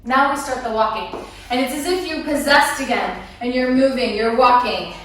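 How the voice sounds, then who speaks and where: A woman walks through a dance routine, counting beats aloud in a playful, high voice. She stands well away from the camera mic. The room around her rings with heavy echo. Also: slight background noise. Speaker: dance instructor. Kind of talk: dance lesson walkthrough. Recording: echoey room, mic far off.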